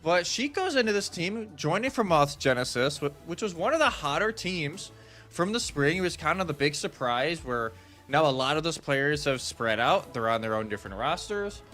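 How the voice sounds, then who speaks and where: With music behind him, a man provides live esports commentary, breaking down the action in a casual, conversational way. He sounds very animated, with a fairly high pitch, fairly bright tone, and normal speed.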